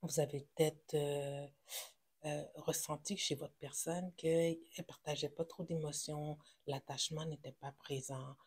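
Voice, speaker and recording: A tarot reader with a Québécois French accent talks straight to viewers in a husky, slightly breathy voice at an ordinary middle pitch. The delivery is reassuring but halting, full of fillers and restarts as the reading unfolds. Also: steady tone, darkish tone. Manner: reassuring, halting, with many fillers and self-corrections. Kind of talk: casual tarot reading to camera.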